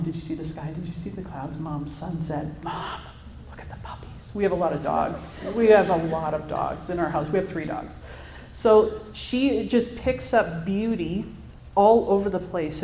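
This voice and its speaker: A woman's voice: lowish voice, darkish tone, a little hiss or hum. A woman in her thirties giving a heartfelt faith talk at an event, telling personal stories with occasional laughs. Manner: earnest, storytelling, laughs now and then. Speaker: speaker at a mother-daughter church event. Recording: echoey room with faint ambience.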